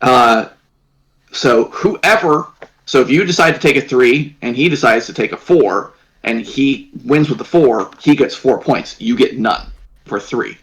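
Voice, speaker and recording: A man's voice: mid-range voice, a bit bright, poor audio. A man narrating as dungeon master, rambling and restarting his sentences. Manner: rambling, halting, many restarts. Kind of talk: narrating a tabletop game.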